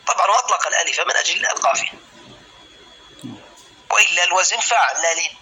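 Man, teacher, husky bright voice, drills syllables slowly, calls on students. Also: high voice, rough recording. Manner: slow, syllable-by-syllable drilling of word patterns; addresses students by name, asks if clear. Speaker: Arabic grammar teacher. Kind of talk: classical Arabic lesson.

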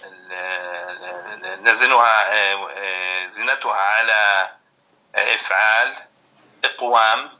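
A man answering his teacher in an online class, hesitant and halting, stopping often to restart. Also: fairly low pitch, sharp tone, muffled recording. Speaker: student.

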